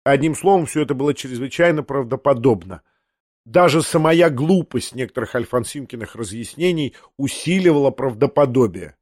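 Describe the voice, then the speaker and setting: A man reading a literary audiobook in measured, expressive storytelling. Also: medium pitch, no room sound, studio quality. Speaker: audiobook narrator.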